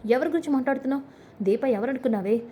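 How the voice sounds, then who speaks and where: A woman's voice: high-pitched, racing, mellow, a little hiss or hum, lightly acted. A woman voicing a doting but bossy old grandmother who scolds sharply when crossed, in a retold family drama. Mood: scolding.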